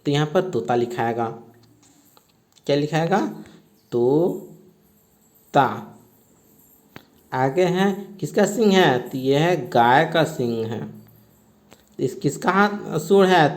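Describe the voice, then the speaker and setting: A man works through a textbook lesson at an unhurried pace. His voice sits a little high, and he explains each answer patiently in small steps, pausing often to check in. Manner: explains step by step, often says "ठीक है". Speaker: teacher.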